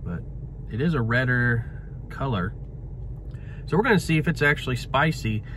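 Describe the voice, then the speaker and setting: A man's voice: medium pitch, lively intonation, normal speed, fairly bright tone. Man's casual review, noisy car cabin. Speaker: food review vlogger. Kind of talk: casual food review to camera. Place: inside a car. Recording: in a car with clear vehicle noise.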